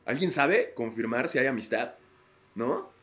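Crude, laughing Mexican podcast host. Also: male voice, medium pitch, animated, measured pace, fairly bright tone. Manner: crude, laughs often, rambling. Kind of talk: casual comedic podcast monologue.

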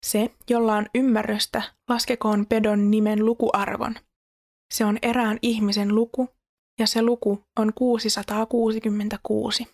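A woman reads scripture aloud at a steady, measured pace. Her voice sits somewhat high but stays level and monotone, with a gravelly fry running through it.

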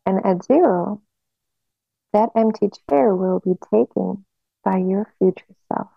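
Speaking at a medium pitch with a creaky quality, a woman conducts a relaxation hypnosis, slow and gentle like a hypnotist, pausing at length. The audio is dry and has a narrow, phone-like character.

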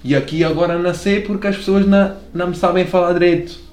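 A young podcast host from Lisbon, with a Lisbon Portuguese accent, rambles through a casual solo monologue in a room at home by a window. His high, steady, slightly mellow voice moves quickly and echoes a bit, and he's slangy, self-deprecating and swears freely.

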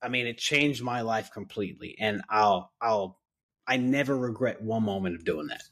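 A firefighter on a podcast, casually telling a story and acting out the lines of the people in it. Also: male voice, lowish voice, normal speed. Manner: animated retelling, acting out others' lines.

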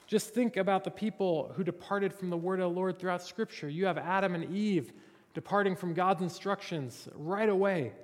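High-voiced male pastor preaching. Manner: earnest, expository preaching. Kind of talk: sermon. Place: church sanctuary. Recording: reverberant church sanctuary.

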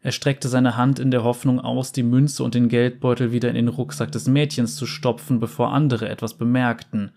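A man reading a fantasy story aloud as narrator, with calm, steady delivery. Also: medium pitch, normal speed, creaky, hardly any pauses.

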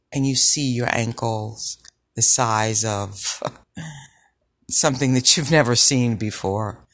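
A woman with a low, sultry voice hosting a personal podcast, speaking in a deliberate, reflective way with pauses. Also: creaky, dry recording, clean studio sound. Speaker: podcast host. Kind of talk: personal health podcast monologue.

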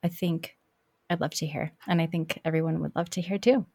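A woman's voice: deep voice, steady tone, fairly quick, no room sound, studio quality. A woman hosting a podcast, chatting casually with a guest in a gushing manner. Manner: warm, gushing, with restarts. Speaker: podcast host. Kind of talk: casual interview chat.

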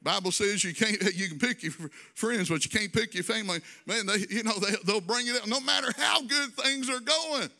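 A man's voice: high voice, brisk, vocal fry, few pauses, sharp tone. A male pastor preaching a conversational sermon, drawing phrases out in a sing-song and adding folksy asides.

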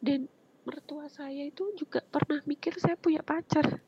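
A woman, earnestly telling her personal story as an interview guest, often dropping into a soft breathy whisper. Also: sits high, steady tone, normal speed. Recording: muffled lo-fi with faint background noise.

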